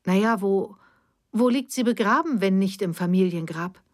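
A desperate young mother, as a woman reads her in an audiobook, pleading and pitched up, pushing into shouts. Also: normal speed, natural voice. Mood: puzzled. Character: distraught adult daughter, a young mother.

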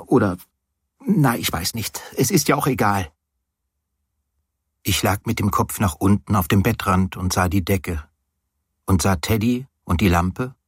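Husky-voiced man narrating a novel. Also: deep voice, dry recording, studio quality. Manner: wry, hesitant first-person storytelling with quiet, voiced dialogue. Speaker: audiobook reader. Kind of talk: literary audiobook narration.

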